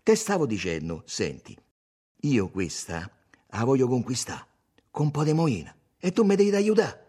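A man's voice: medium pitch, sing-song, moderate pace, warm tone, breathy edge. A man voicing an amiable young lad from the Roman outskirts who drawls in slang with a Roman accent. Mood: scheming. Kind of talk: audiobook dialogue acting.

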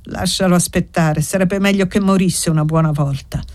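A woman's voice: lowish voice, steady tone, normal speed, a little mellow, natural voice. A woman reading aloud and voicing a young male servant who talks in an insistent, pleading way.

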